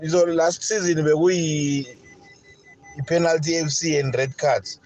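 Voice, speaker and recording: A man's voice: fairly high pitch, steady tone, measured pace, darkish tone, soft background music. A South African man calling a sports show, giving his opinion casually.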